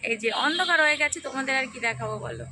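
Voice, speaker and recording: A young woman with a hoarse voice, chatting casually to viewers in a home vlog and often asking if they follow. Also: sits high, lively intonation, racing, music in the background. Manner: chatty, keeps asking "okay?". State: hoarse, sore throat. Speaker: vlogger.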